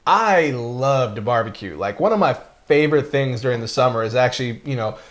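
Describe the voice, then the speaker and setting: A man's voice: medium pitch, lively intonation, brisk. A man co-hosting a casual whiskey review, talking enthusiastically and rambling with many fillers.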